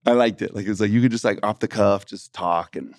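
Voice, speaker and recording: A man from Texas with a gravelly, creaky edge to his voice, hosting a faith podcast in a lively, joking way. He laughs often between stories, and the sound is close and dry with no room around it. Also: lowish voice, fast talker, dry recording. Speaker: podcast co-host. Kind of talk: casual gospel podcast chat.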